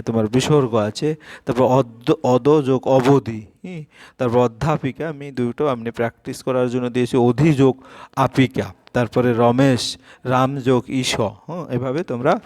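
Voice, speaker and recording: A man with a Bengali accent works through an exam-prep lesson at an unhurried pace, pausing often on hesitant fillers. His voice sits at an ordinary male pitch. The recording is dry and close, with no room sound. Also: a little mellow, no echo. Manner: slow, halting, with many "ah" fillers while reading out answers. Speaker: teacher.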